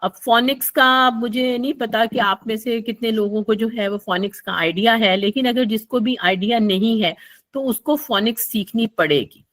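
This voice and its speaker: A woman, an online English tutor giving a recorded lecture, who explains patiently, repeats points, and often fills pauses. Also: a little high, a bit bright.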